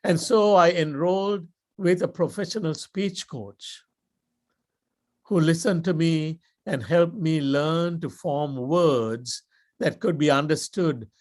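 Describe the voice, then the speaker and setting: Speaking as a guest at a club, this older man from Sri Lanka gives a motivational talk in his native accent. His pitch sits fairly high with a slightly mellow quality, and he narrates slowly and deliberately, pausing for dramatic effect.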